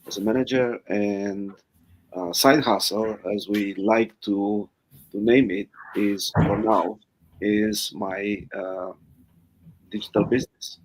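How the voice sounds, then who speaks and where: Low-voiced man with a Romanian accent. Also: slight background noise. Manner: hesitant, many fillers, earnest thanks. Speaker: guest. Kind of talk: live online interview.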